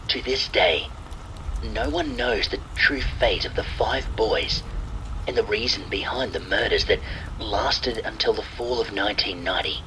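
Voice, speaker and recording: Reading a scripted first-person horror story, a man speaks in a lowish voice against rain and thunder sound effects. Faint, steady rain sits behind him, giving a noisy background.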